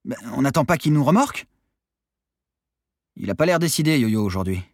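A man's voice: sits high, lively intonation, fast talker, no echo, studio quality, voice pushed up. Armand, a man doing a brash crude teenage boy. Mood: grumbling. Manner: loud, cheeky and crude. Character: brash foul-mouthed short teenage boy.

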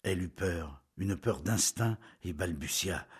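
A man reading a novel aloud in scripted narration, measured and intimate, often dropping to a hush. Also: low voice, slightly rough.

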